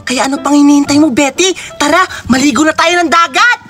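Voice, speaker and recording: A woman's voice: high-pitched, fast, fairly bright tone. A woman voicing an eager, bossy little boy full of plans. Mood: scheming. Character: bold, scheming little boy Tope. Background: background music.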